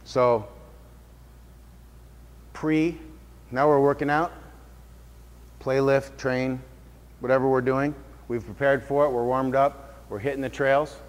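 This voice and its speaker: A male fitness trainer gives a casual, explanatory workshop talk to a group, checking in with his listeners along the way. His medium-pitched voice is steady and slow with frequent pauses, and the hall sounds reverberant.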